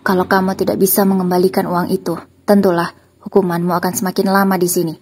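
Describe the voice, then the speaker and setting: A woman's voice: on the low side, little pitch movement, fast, a little mellow, breathy edge. A woman voicing a betrayed husband who speaks in a stern, threatening way. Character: betrayed husband, cold and angry.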